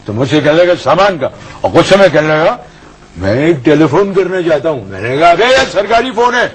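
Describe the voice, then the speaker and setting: A swaggering, middle-aged customs officer spins a mocking anecdote. His voice sits a touch high and slightly husky, swinging widely up and down as he acts out both sides of the squabble. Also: rough recording. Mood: boastful mocking. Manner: animated storytelling, acting out both sides of quarrels. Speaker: customs officer character on a talk show. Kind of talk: comic anecdote told in character.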